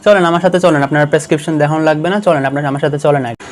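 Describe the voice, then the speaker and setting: A young man playing a stern policeman who briskly questions someone. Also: a little high, steady tone, a little hiss or hum, natural voice. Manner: brisk, interrogating.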